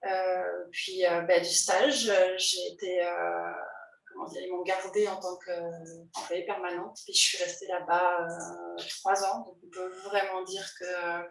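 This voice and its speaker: A woman's voice: lowish voice, little pitch movement, measured pace, gravelly, far from the mic. A woman, an illustrator telling her own story in a recorded testimony, hesitant with many fillers, restarts and light laughs. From France. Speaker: illustrator and teacher. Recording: roomy, voice from the mic.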